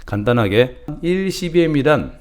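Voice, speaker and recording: A middle-aged man with a lilt talks viewers through import costs in a relaxed, homespun way. His voice sits at a middle pitch and he speaks in casual, familiar speech. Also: normal speed. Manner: folksy, calls himself grandma, banmal to viewers. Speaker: channel host teaching importing. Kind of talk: casual instructional talk.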